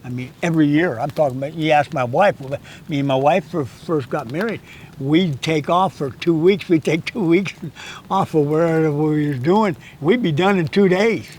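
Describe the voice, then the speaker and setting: A man's voice: a little high, moderate pace, darkish tone, slight background noise, rough recording. A man in his eighties telling hunting stories outdoors in a canyon, rambling and often stammering and repeating his words. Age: 80s. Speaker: interviewed guest, hunting guide. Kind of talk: casual storytelling chat.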